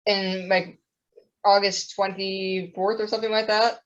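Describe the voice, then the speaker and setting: A woman's voice: medium pitch, flat delivery, a little slow, a bit bright. A young woman chatting casually on a podcast, rambling with plenty of fillers. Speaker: podcast co-host. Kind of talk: casual chat. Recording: dull lo-fi audio.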